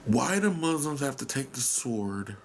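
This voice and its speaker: Very animated yet a little slow, this medium-pitched American man rambles through his own podcast monologue with a little hiss or hum in the audio. He thinks out loud, questions himself and trails off, occasionally whispering and cursing casually.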